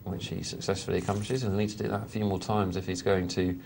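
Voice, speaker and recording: A lower-pitched man calling a live poker game, full of dry, self-deprecating jokes. A faint rumble runs underneath his voice. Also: level tone, fast, vocal fry, a little mellow. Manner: dry self-mocking humour. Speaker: poker commentator. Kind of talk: live poker commentary with banter.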